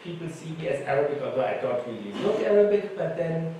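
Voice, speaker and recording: In an echoing conference hall, a German-born panelist who speaks German natively spins informal anecdotes during a conference talk, fast and with lively intonation. His voice is dark and on the high side, picked up by a distant mic with faint background noise.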